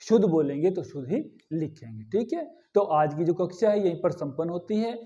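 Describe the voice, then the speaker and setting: A man teaching a grammar lesson, repeating each word slowly and asking the students questions before answering them himself. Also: on the high side, expressive, mellow, lo-fi sound.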